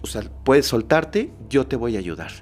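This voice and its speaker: A calm male paramedic speaks in a steady, reassuring way, as a man acts him out. The voice stays level and matter-of-fact within a spoken horror story. Faint music plays behind. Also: mid-range voice, normal speed.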